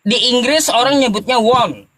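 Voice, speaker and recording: High-pitched man lecturing mockingly. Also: moderate pace, bright, forceful tone, no room sound. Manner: mocking, lecturing, stammering restarts. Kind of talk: heated debate.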